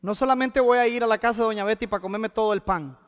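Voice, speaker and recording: A male pastor preaches in a conversational way, asking his listeners questions. His voice sits unusually high for a man. The church hall around him adds a long, trailing reverb. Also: fast, clean tone. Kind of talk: sermon.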